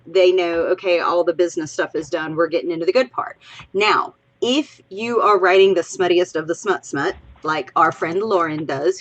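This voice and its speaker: A woman from Louisiana, slightly tipsy from drinking, co-hosts a casual livestream podcast, chatting in a rambling way with giggly asides and a Southern accent. Her voice is on the low side with a fairly bright tone.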